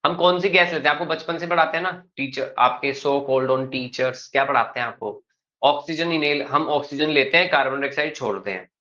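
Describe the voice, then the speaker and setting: A male teacher lectures a class at an unhurried, even pace and keeps stopping to check that the students follow. His voice is bright and forward. The classroom recording is muffled and lo-fi. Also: fairly high pitch.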